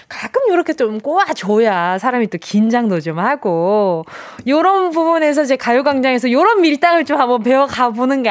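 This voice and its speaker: A young woman hosting a playful radio quiz show, animated and theatrical as she reads listener messages aloud. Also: on the high side, no echo, studio quality. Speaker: radio host. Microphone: studio microphone.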